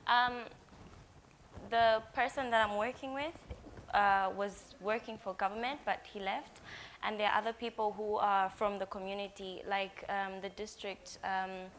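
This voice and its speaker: A woman's voice: mid-range voice, fairly bright tone, a little hiss or hum. A woman competitor answering a panel question hesitantly, with many ums. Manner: hesitant, filler-heavy. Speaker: pitch competitor.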